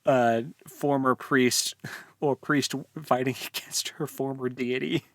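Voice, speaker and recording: A man co-hosting a book podcast chats casually while recapping and reviewing a fantasy novel, his talk slangy, colloquial and full of jokes. His mid-range voice stays fairly even in intonation, he takes things slowly, and there's no echo.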